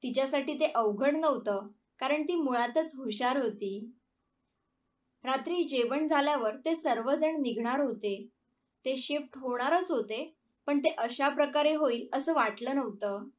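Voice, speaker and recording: Woman narrator, slow measured reading, fairly high voice, mic at a distance. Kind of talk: scripted story narration.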